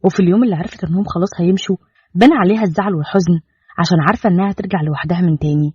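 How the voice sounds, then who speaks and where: A man with an Egyptian Arabic accent narrating a scripted story in a rapid, flowing telling. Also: high-pitched, dark tone, slightly rough, no room sound. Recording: dull lo-fi dry recording.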